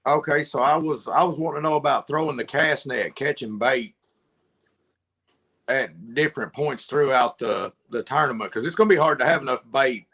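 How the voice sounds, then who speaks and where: A man, a tournament angler, talking slowly and haltingly over a video call that keeps breaking up. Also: mid-range voice, sharp tone, slightly rough. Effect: on a video call with a breaking-up connection.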